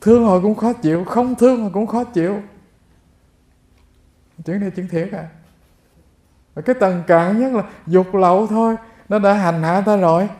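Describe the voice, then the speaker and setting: A man's voice: high-pitched, moderate pace, long pauses, a little mellow. Man, Buddhist sermon, storytelling, speaks to listeners, roomy echo. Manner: addresses listeners directly, storytelling. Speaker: monk giving a Dharma talk. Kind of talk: sermon with told stories.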